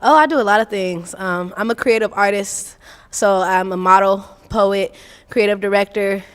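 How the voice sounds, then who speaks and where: A woman in her twenties from Arizona, introducing herself on a dating show in a relaxed, playful way. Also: mid-range voice, normal speed, big-room sound. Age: 20s. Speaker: contestant.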